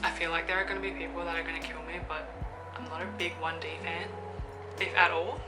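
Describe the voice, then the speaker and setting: Fast and flat, an Australian YouTuber in her twenties talks in a fairly low voice during a casual Q&A vlog, filling pauses as she thinks out loud. Background music plays in her room, where a window is open.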